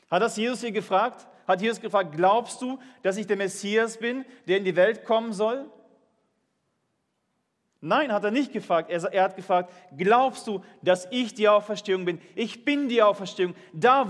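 High-voiced man preaching in echoing hall. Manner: earnest, questioning the congregation. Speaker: pastor. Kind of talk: sermon with Bible reading.

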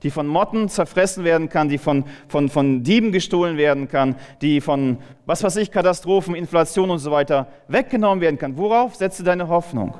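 A man's voice: fairly high pitch, fairly quick, hardly any pauses, a little mellow, clear, resonant tone, long reverb tail. A man preaching a sermon in a casual, conversational way, asking his listeners rhetorical questions.

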